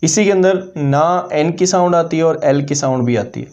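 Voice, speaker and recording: A man with a mellow, slightly high voice teaches a language lesson. He explains step by step and repeats example words slowly so each sound can be heard.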